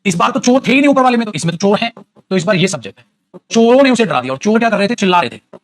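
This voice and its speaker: Animated male tutor with lively high voice. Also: very fast. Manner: animated, teasing, calls students beta. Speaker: English grammar teacher. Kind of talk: classroom grammar lesson in Hindi.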